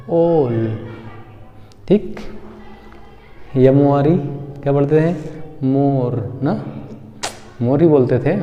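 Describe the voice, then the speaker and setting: A man teaching English pronunciation at an unhurried pace. He drills each example word again and again and keeps quizzing his listeners. The room rings with a long echo, and the recording sounds muffled and lo-fi. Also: medium pitch. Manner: patient, repetitive, drills words aloud and keeps asking "what will we say?". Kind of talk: Hindi-language pronunciation lesson. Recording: echoey room, dull lo-fi sound.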